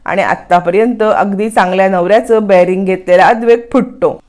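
A woman narrating a recap of a TV serial episode as a lively story, voicing the characters' quotes. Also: medium pitch, brisk. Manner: lively retelling with voiced quotes.

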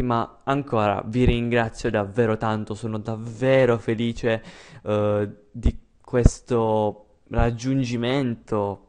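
A man's voice: fairly low pitch, darkish tone, smooth. A young man from Italy giving a casual, unscripted YouTuber update, rambling and hesitant with self-deprecating remarks.

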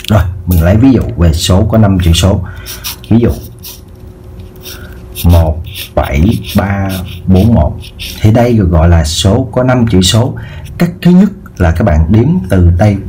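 Slow, low-voiced male math tutor. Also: warm tone. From southern Vietnam. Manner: repeats words, checks in with viewers. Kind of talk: casual math lesson. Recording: faint background noise.

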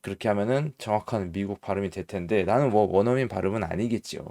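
A middle-aged man giving a casual English pronunciation lesson, talking slowly and thinking aloud with fillers. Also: lowish voice, warm tone, no room sound, clean studio sound. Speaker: English teacher for mothers.

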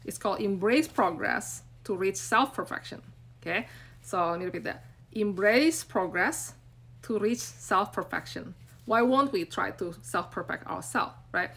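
A medium-pitched, fairly bright voice moves at a measured pace. The speaker is a brand coach in her forties from Indonesia, with an Indonesian accent, talking unscripted to live-stream viewers through her phone at arm's length in a small room, earnest, encouraging, rambling and full of fillers.

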